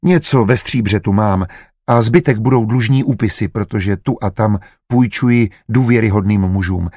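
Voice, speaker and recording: A man voicing a kindly middle-aged estate steward who speaks in a calm, measured, fatherly way. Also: on the low side, no room sound, clean studio sound, natural voice. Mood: businesslike.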